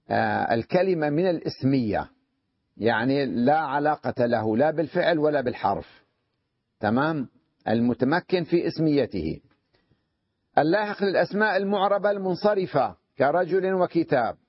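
A man with a fairly high voice teaches a grammar lesson, stopping again and again to ask his students whether they follow. He slows right down to read out quoted lines. The recording is dull and lo-fi. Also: no echo. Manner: checks understanding with frequent questions to students. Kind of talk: classroom lesson.

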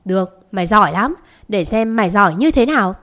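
A woman's voice: mid-range voice, animated, fairly quick, fairly bright tone, lightly acted. A woman reading the lines of a hot-headed young male servant who curses and snarls threats. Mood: threatening.

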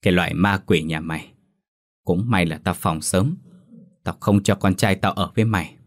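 A man's voice: low voice, moderate pace, dry recording, clean studio sound. A man voicing a venomous old village woman. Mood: scornful. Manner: scolding, jabbing, contemptuous.

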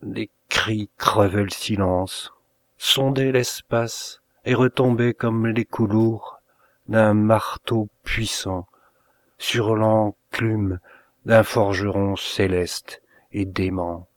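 A man reads a bleak first-person tale aloud, lingering over each phrase at a very unhurried pace. His voice sits fairly low and he gives the words a measured, dramatic weight. The sound is dry and close, with no room around it. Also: fairly even intonation, no room sound. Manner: slow, measured, dramatic reading. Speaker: reader of short stories. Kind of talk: first-person literary narration.

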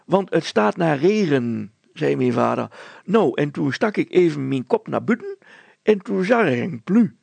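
Storybook naive girl, high and loud, stumbling and rambling, as a male reader puts her on; gravelly edge. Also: big pitch swings, a little slow, dry recording, heavily acted. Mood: eager. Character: naive chatty young girl Petronella.

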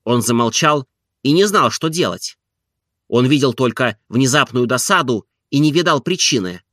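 Bright-voiced male audiobook narrator. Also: mid-range voice, no room sound, clean studio sound. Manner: calm, measured reading.

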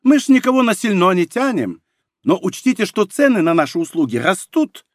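A man's voice: high-pitched, big pitch swings, brisk, no room sound, studio quality, voice pushed up. A man voicing a boastful, lying French chatterbox with a glib sales patter, in an audiobook. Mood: hustling.

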